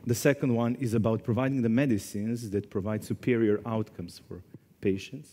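A man in his forties from Serbia speaking as a conference panelist, earnest and deliberate, in a large hall. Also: fairly low pitch, steady tone, mellow. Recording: long hall reverb.

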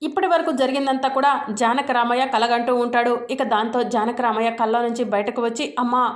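High-voiced woman retelling a serial. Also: quick pace, reverberant. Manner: steady retelling with repeated names. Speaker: storyteller recapping a serial. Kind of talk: story narration.

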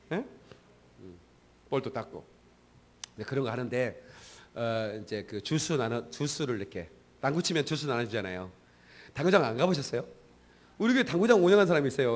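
A male pastor giving a sermon in a church service, preaching in a conversational way and often prompting the congregation. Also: mid-range voice.

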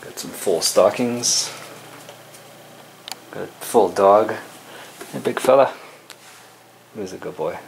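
A man's voice: fairly low pitch, takes it slowly, gravelly, pauses often, a little hiss or hum, rough recording. A man in his thirties casually vlogging at home, chatty and a bit grumbly. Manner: laid-back, chatty, mildly grumbling. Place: home kitchen and living room. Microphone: camera mic.

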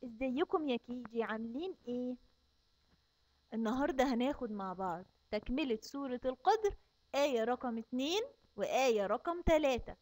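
In a recorded online lesson for young children, a kindergarten Quran teacher with an Egyptian Arabic accent recites slowly and drawn-out, then gives fast explanations between verses. Her pitch is fairly high and there's no echo.

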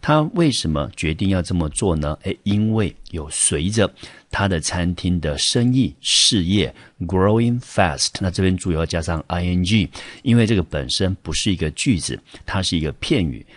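A man's voice: low voice, expressive, moderate pace, no room sound. A man teaching English vocabulary in Taiwanese-accented Mandarin, explaining example sentences patiently with frequent fillers.

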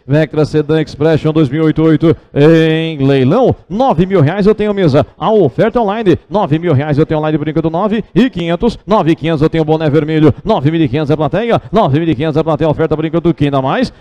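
Brazilian guy doing auction chant, highish mellow voice, repeats the numbers over and over. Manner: repeats figures in rhythmic, insistent runs. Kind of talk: rapid, repetitive auction chant calling bids. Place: car auction with a live and online audience.

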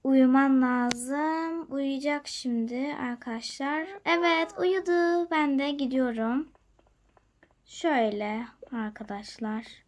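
A young woman hosting a gaming channel, chatting to her viewers as she plays, moving from hushed whispers to loud, excited calls. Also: high-pitched, takes it slowly. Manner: lively, talks to viewers, jumps between loud excitement and quiet whispers. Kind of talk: chatty gameplay commentary.

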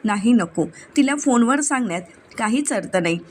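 A woman's voice: a little high, lively intonation, moderate pace, a little hiss or hum, natural voice. A woman voicing a sly, scheming young wife in a dramatic recap, reading her lines plainly. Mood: coaxing.

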